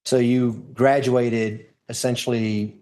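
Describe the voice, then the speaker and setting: A man's voice: medium pitch, little pitch movement, slow pace, mellow. A man working as a lawyer questions a witness in a courtroom, putting formal questions step by step.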